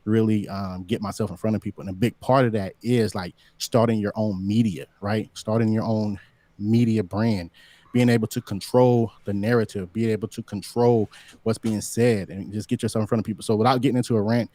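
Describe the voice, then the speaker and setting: Lively talkative man in his thirties. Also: lowish voice, a little fast, dry recording. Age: 30s. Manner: animated, preachy, lots of "you know what I'm saying". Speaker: guest. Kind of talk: casual livestream interview. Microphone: streaming setup under bright lights.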